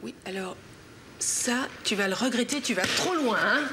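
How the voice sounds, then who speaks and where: A woman's voice: on the high side, animated, moderate pace, lightly acted. An actress playing a sulky, defensive young woman who answers curtly and prickly in a TV sitcom. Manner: curt, prickly. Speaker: sitcom character. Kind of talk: 1990s TV sitcom acting. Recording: TV sitcom audio with background noise.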